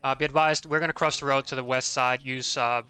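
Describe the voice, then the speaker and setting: A man's voice: mid-range voice, fairly even intonation, fast talker, pushed and bright, smooth. A man giving clipped, businesslike radio callouts as a squad leader in a military game.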